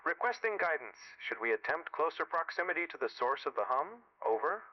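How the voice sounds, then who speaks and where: A man's voice: a little high, sing-song, brisk. A man voicing an astronaut commander on muffled space radio. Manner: terse, procedural, ends each report with "over". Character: male astronaut commander exploring a lunar cave. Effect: muffled space radio transmission. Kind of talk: clipped radio-play dialogue.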